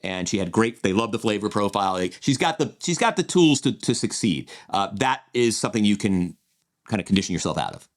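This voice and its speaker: A podcast co-host with a fairly low, very animated voice talks briskly. He chats casually through a draft analysis, rambling with many restarts and fillers.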